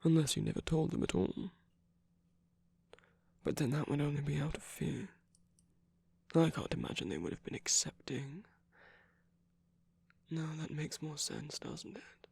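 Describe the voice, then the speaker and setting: In a scripted, intimate ASMR roleplay, a performer voices a commanding villain who is tender and protective toward a lover, sounding gentle and probing. The mid-range voice is breathy, gravelly, animated, a little mellow and exaggerated, often dropping to a whisper. Phrasing is slow, deliberate and coaxing with long pauses, recorded close and dry with no echo.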